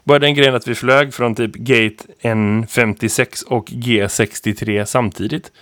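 A man in his thirties, a teacher co-hosting a podcast, who tells stories in a lively, rambling way full of fillers. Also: mid-range voice, no room sound, clean studio sound. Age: 30s. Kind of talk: casual podcast chat.

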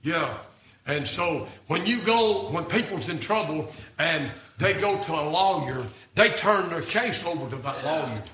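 A man's voice: on the high side, lively intonation, unhurried, recorded from a distance. A man with a Southern US accent telling homespun, devout stories to a congregation as a gospel singer and preacher. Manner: homespun, devout, chuckles as he talks. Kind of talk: folksy testimony and storytelling to a congregation. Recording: echoey room with loud country guitar. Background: country guitar music.

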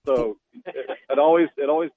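A man's voice: fairly high pitch, fairly quick. A man calling in on a speakerphone from a car, casually telling a fishing story. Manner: relaxed storytelling, laughing. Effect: phone speaker call. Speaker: guest caller. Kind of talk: casual chat. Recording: tinny phone line, dry.

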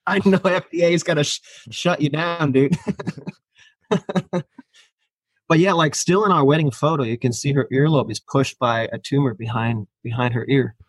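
His voice is a little high with a breathy edge, fairly even intonation and normal speed, with no echo. He's a native Finnish speaker from Finland, guesting on a podcast in a casual storytelling interview, where he tells a long personal story, acts out quotes and laughs often.

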